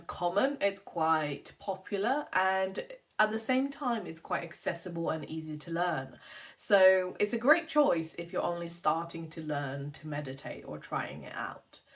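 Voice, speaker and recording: Gentle woman mindfulness teacher, lowish voice. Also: recorded from a distance. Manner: gentle, measured, with soft fillers. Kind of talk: calm explanatory talk on meditation.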